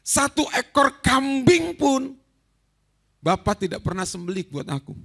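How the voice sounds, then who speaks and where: A man's voice: extremely high pitch, lively intonation, moderate pace, vocal fry, slightly rough, exaggerated voice. A man preaching voices a resentful eldest son complaining. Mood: aggrieved. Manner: sulky, complaining.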